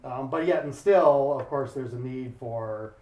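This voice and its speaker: Speaking a little slowly in a dark, mid-range voice, this Ohio man, the embassy's commercial counselor, gives a casual welcome address. He leans on frequent "ums" and pokes fun at himself with little jokes. Recorded in an echoey embassy event room, the sound is muffled with a faint hiss or hum.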